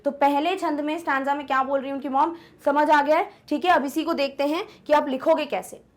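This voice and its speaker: With a high, steady voice, a young female teacher walks students through an English poem in Hindi during an online class. She keeps it conversational, frequently asks whether they're following, and slows down for the English lines.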